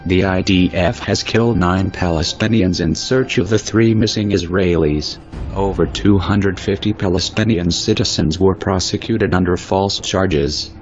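Man, disguised deepened voice, very low, solemn measured delivery, muffled lo-fi sound, faint music behind. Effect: disguised, digitally deepened voice. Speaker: anonymous spokesperson. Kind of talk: scripted statement.

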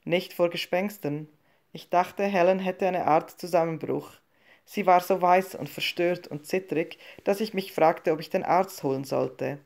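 A woman narrating a short story as an audiobook reading, in a calm, measured and subdued way. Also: lowish voice, creaky.

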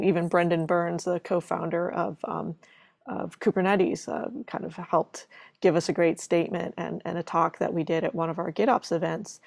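A woman's voice: on the low side, gravelly, a little mellow, no room sound. A woman moderating a live online webinar, chatty and welcoming, with many fillers. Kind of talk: casual live webinar hosting.

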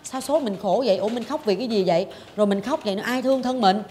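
A woman in her forties speaks with a fairly high voice. She tells a personal story in a dramatic, animated way and acts out her own past thoughts, with a faint hiss of noise behind her. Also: racing. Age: 40s. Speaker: talk show host. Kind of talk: confessional storytelling chat.

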